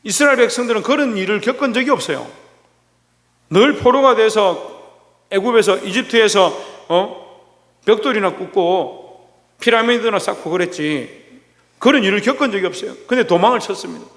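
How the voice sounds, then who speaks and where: A man's voice: high-pitched, normal speed, fairly bright tone, long reverb tail. A male pastor preaching a sermon. He asks rhetorical questions and repeats key phrases for emphasis.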